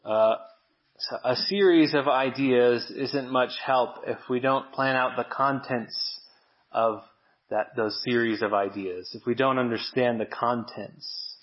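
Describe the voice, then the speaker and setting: A man's voice: medium pitch, dull audio. A man preaching a sermon at a church service, talking in a conversational, self-deprecating storytelling way.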